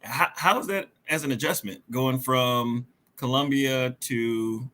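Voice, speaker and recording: Male podcast host; friendly, rambling delivery full of uhs, bright and forward tone. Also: medium pitch, slow. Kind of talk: casual interview.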